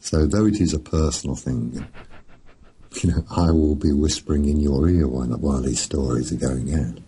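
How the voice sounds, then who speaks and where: A middle-aged man, an author, chatting casually in a slow, rambling, storytelling way with a chuckle here and there. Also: dark tone, low-quality recording. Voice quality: very deep gravelly voice. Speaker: author and podcast guest. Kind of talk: casual chat.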